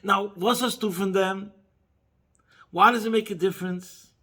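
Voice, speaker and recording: A man's voice: fairly even intonation, unhurried, pushed and bright. A man teaching a Chassidic Torah class, mixing Yiddish and Hebrew phrases into English and rising to emphatic peaks. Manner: rises to emphatic high peaks.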